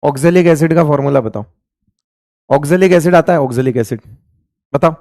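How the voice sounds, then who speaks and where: A man's voice: a little high, fairly quick, dark tone, no echo, studio quality. A man teaching chemistry in Hindi, asking the class questions over and over and answering them himself, calling his students beta. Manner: addresses students fondly as beta and raja. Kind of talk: classroom lecture.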